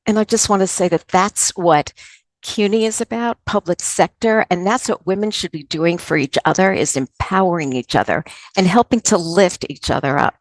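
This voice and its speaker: Lady introducing a speaker, earnest and from the heart, lowish voice, dry sound. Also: normal speed, no echo. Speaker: moderator introducing a guest. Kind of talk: prepared introduction at a virtual conference. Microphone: video call.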